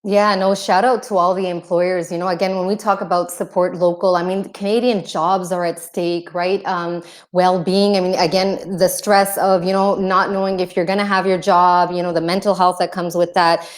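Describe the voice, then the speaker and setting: A woman's voice: lowish voice, flat delivery, moderate pace, hardly any pauses. Enthusiastic woman interviewer. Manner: enthusiastic, many "you know" fillers. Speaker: interviewer host. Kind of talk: casual interview chat.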